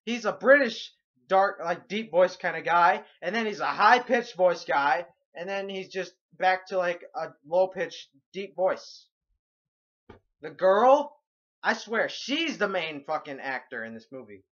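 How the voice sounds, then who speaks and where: A young man ranting sarcastically through a movie review, swearing constantly and breaking into loud outbursts. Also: high voice, expressive, measured pace, dull audio.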